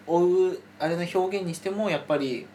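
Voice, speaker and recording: A man's voice: sits high, moderate pace, dark tone, slight background noise. A man in casual podcast chat, giving frank feedback and murmuring agreement.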